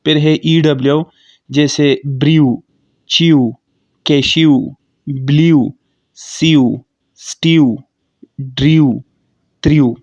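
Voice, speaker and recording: A man teaching phonics, calmly explaining definitions and reading word lists. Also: on the high side, no echo, muffled recording. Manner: slow, deliberate, reads definitions and word lists aloud. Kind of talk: classroom explanation.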